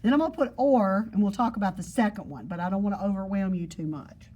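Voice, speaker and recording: Speaking quickly in a dark, mid-range voice, a woman teaches geometry in a classroom of students. She explains things patiently and repeats key points, drawing on everyday examples throughout the lesson.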